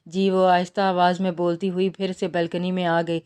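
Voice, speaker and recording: Smooth, low-voiced woman narrator. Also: level tone, a little mellow. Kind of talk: audiobook novel reading.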